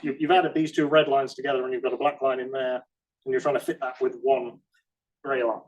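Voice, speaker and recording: Answering technical questions at a conference in a lecture room, a man speaks casually and haltingly at a middle pitch. His tone stays level as he restarts sentences and hedges with self-deprecating comments, though the audio quality is poor.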